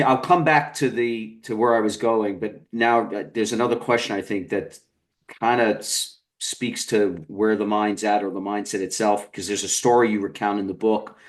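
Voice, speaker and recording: A man hosting a podcast, framing long interview questions in a measured, thoughtful way and often restarting his sentences. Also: fairly low pitch.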